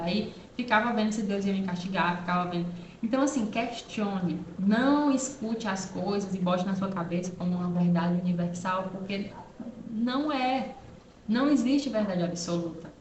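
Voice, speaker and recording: A woman's voice: mid-range voice, roomy sound, slight background noise. A woman hosting her own channel, talking earnestly and directly to the viewer in a casual personal monologue, full of rhetorical asides. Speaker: channel host.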